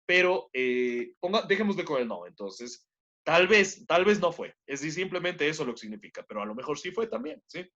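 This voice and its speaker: A man's voice: fairly high pitch, very animated, fairly quick, fairly bright tone. A man teaching an online class, explaining a point step by step and often checking in with his students by asking questions. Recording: dull lo-fi online class audio.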